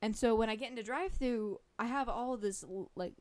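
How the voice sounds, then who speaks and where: A young woman who works a fast-food drive-thru, chatting casually about customers, laughing often and filling pauses with um and like. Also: a little high, no room sound. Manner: giggly, chatty, full of fillers. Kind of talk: casual storytelling.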